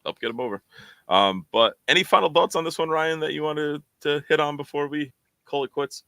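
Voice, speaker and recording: A man's voice: a little high, moderate pace, vocal fry, sharp tone, smooth, dry recording. A man co-hosting a fan podcast, chatting casually and rambling with lots of fillers and repeated words. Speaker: podcast co-host.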